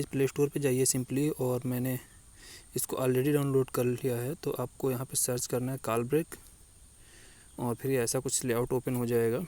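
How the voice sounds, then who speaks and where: A man's voice: mid-range voice, warm tone. Man casually explaining a card game. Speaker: game tutorial host.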